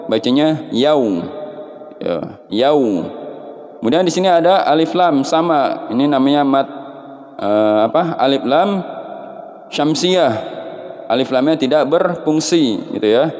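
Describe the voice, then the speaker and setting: A man teaching Quran recitation rules, explaining patiently and chanting drawn-out example verses. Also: on the high side, lively intonation, darkish tone, long reverb tail, soft background music. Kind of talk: tajwid lesson with chanted recitation.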